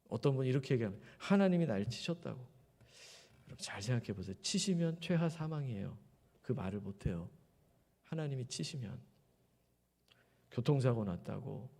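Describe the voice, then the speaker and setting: Pastor preaching in an echoing hall. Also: male voice. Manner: addresses the congregation directly with rhetorical questions; swings between soft low asides and loud emphatic rises. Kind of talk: Sunday sermon. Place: church sanctuary. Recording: long reverb of a large church hall.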